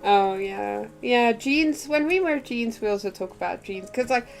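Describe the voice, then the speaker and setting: With faint music behind her, an animated woman speaks at a measured pace in a fairly high, gravelly voice during a live drawing stream. Afrikaans is her native language; her casual chat is giggly and full of fillers such as "like".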